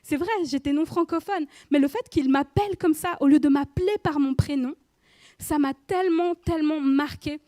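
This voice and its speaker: Woman, thirties, high voice, dry close sound, casual sermon, chatty, asks the listener questions. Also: moderate pace, dark tone, no room sound. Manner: chatty, speaks directly to listener with frequent questions. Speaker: preacher. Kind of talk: informal sermon. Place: church.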